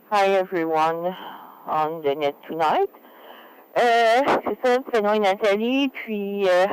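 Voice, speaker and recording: A woman's voice: medium pitch, a little mellow, clear, resonant tone, poor audio. A woman with a Canadian French accent making a friendly, casual check-in over amateur radio. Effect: amateur radio transmission.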